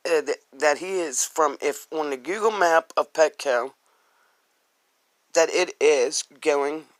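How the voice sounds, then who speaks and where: A man's voice: a little high, pushed and bright, no room sound. A congested man giving a rambling, hesitant tarot reading full of fillers and restarts. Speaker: tarot card reader.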